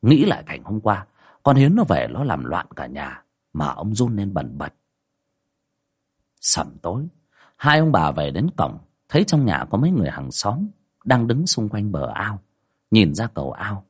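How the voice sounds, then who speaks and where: A man's voice: a little slow, breathy edge. A man narrating a spoken ghost story in a dramatic way. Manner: dramatic, lively pitch.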